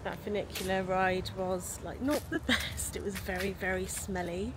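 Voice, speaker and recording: A travel vlogger in her thirties chats upbeat and straight into the handheld phone camera she holds at arm's length, her mid-range voice moving at normal speed. She narrates casually while walking busy city streets and park paths, and the outdoor phone recording picks up traffic and street noise.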